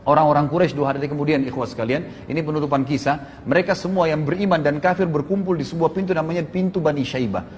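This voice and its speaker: Male preacher, fast and animated storytelling, recorded in a reverberant mosque hall. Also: on the high side. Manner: animated, acts out quoted voices with rising emphasis. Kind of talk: sermon storytelling. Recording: long hall reverb, faint background noise.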